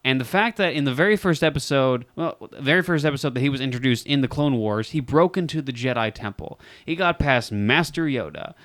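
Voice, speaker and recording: A man's voice: medium pitch, brisk, hardly any pauses, fairly bright tone, dry recording, studio quality. A man co-hosting a casual podcast chat, giving strong, emphatic opinions. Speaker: podcast co-host.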